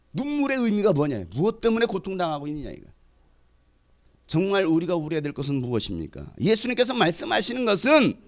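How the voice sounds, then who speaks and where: A middle-aged man preaching a sermon in a high, highly animated voice. He moves from conversational storytelling to fervent, loud exhortation, his pitch leaping up and down. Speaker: pastor.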